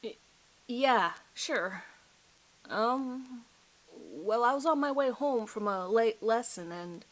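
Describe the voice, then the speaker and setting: In a dramatized police interview, a woman with a fairly high, lively voice plays a nervous suspect, a man in his thirties, speaking slowly. Hesitant and uneasy, he apologizes and rambles as he struggles to remember details, and the audio is poor.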